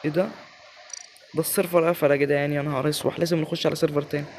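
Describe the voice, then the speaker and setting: Egyptian guy doing excitable game commentary, raspy-gravelly, kinda high, faint clicks behind. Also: very fast, slight background noise. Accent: Egyptian Arabic. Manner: excitable, talks to viewers as he plays. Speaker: gaming channel host. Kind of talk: live gameplay commentary.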